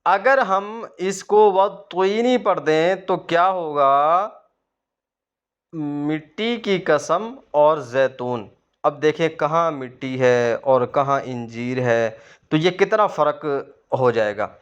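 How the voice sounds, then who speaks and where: A man's voice: a little high, smooth, lo-fi sound. A man teaching Quran reading to beginners, patiently asking questions and then answering them himself. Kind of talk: explaining a lesson to beginners.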